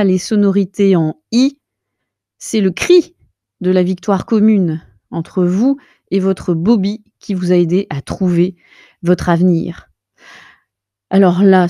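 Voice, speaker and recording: A woman with a medium-pitched, dark voice plays a self-styled linguistics researcher in a mock-academic comic monologue. She lectures the viewer directly and pompously, piling on lofty jargon and getting carried away. The recording is dry and studio quality.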